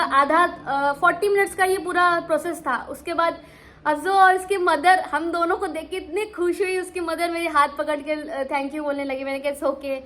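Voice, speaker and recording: A young woman vlogger casually telling a travel story, animated and full of restarts. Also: sits high. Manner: animated, many restarts and fillers.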